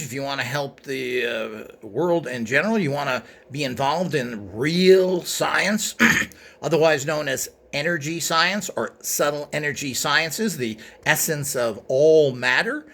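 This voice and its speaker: A man with a slightly high, somewhat bright voice gives an informal show-and-tell, hesitant and rambling. He's recorded indoors from behind a handheld camera.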